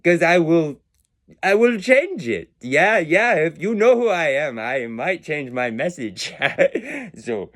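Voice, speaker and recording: A man's voice: on the high side, very animated, a little slow, fairly bright tone. A man giving a rambling, philosophical monologue about numbers, meandering and self-mocking, his accent drifting in and out. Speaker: video creator musing on numbers and words.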